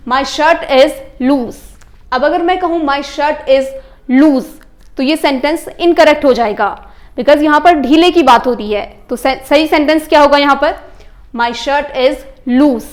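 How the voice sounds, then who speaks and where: A woman teaching English grammar, speaking slowly and carefully and spelling words out letter by letter. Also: high voice. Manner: slow, careful dictation of example sentences; addresses viewers as friends. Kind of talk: explaining English grammar to learners.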